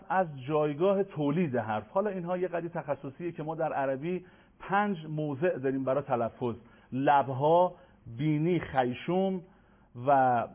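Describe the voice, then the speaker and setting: Patient male Quran tutor, slightly high voice, formal and courteous, tinny phone-like sound. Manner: patient, formal, addresses viewers politely; slows to chant Arabic verses. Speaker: Quran recitation teacher. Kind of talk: televised pronunciation lesson.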